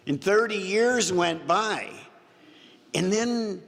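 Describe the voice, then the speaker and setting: A man's voice: high voice, animated, slow pace, vocal fry, fairly bright tone. A man preaching a homily as pastor, telling a story and repeating phrases for emphasis. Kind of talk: sermon. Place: church. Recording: long church reverb.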